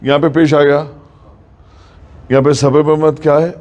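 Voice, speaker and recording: A man's voice: fairly high pitch, level tone, a little mellow, lo-fi sound. A man teaching Quran recitation rules in a mosque class, explaining patiently and quizzing his students.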